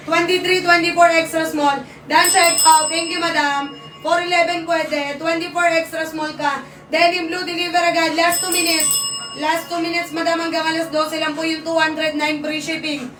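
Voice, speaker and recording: A young Filipino woman hosting a live-selling stream, talking loud and near-shouting, urgent and repetitive as her voice gives out. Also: very high voice, level tone, moderate pace, recorded from a distance, a little hiss or hum. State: losing her voice. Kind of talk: fast live-selling sales pitch. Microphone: phone. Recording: echoey room, off-mic, faint ambience.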